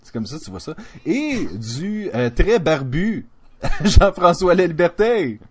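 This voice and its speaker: A man's voice: a little high, big pitch swings, a little slow. A man hosting a casual podcast chat, leading the topics and laughing easily. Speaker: podcast host.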